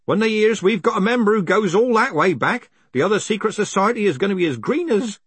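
A man's voice: high voice, animated, a little fast, slightly rough, no echo, voice pushed up. A man voicing an eager, proud male postman who rambles and stumbles over his words. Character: eager talkative male postman, full of pride.

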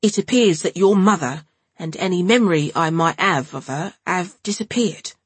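Woman doing pompous young religious man, preachy, formal, long-winded, husky, dry. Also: fairly low pitch, moderate pace, dry recording. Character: stiff, pompous young male religious zealot.

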